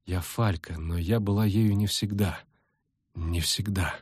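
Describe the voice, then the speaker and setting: A man voicing a cold young woman warrior who speaks quietly and contemptuously, husky-voiced. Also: fairly low pitch, a little fast, no echo, clean studio sound. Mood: brooding.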